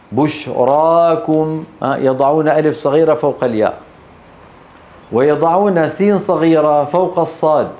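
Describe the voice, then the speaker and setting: A man's voice: on the high side, dark tone. Teacher explaining to his class. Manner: explains step by step, quizzing students with quick questions. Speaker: Quran recitation teacher. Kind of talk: classroom lecture on tajweed.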